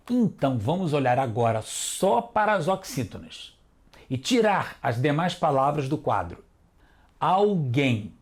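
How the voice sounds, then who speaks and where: A man with a Brazilian Portuguese accent teaching a televised children's lesson, calling out words slowly one at a time. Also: on the high side, a little mellow. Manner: slow, deliberate, spelling words out one by one. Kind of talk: scripted classroom instruction for children.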